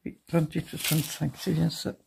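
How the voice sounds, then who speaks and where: A woman hosting a crafting channel, showing off her craft supplies in a chatty, halting way with many fillers, and often giggling and teasing herself. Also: sits low, level tone, gravelly, a little mellow, slight background noise. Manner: giggly, self-mocking. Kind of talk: casual show-and-tell of craft supplies.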